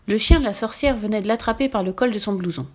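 A woman's voice: medium pitch, quick pace. Woman reading a storybook. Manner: gentle, expressive read-aloud. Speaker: narrator. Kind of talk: storybook narration.

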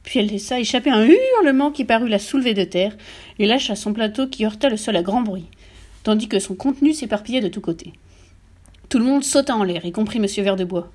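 A woman narrating a children's audiobook in a lively, expressive way. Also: medium pitch, a little fast.

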